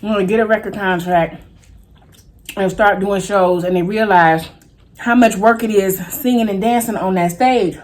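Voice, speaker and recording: A woman chatting casually and colloquially to viewers while eating crunchy fried chicken in a mukbang vlog. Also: mid-range voice. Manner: folksy, colloquial, drawn-out exclamations. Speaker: mukbang vlogger.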